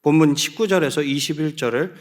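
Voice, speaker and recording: A youth pastor with a fairly high, brisk voice preaches a sermon to a church youth group. He frequently asks the group questions and calls on them to read aloud together.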